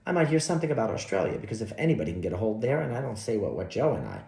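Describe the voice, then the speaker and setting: A chatty young parlour maid, light and careless in her talk, as a man reads her in an audiobook. The voice is lifted a bit higher, gravelly underneath. It sounds like an echoey room. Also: big pitch swings, rapid-fire, warm tone.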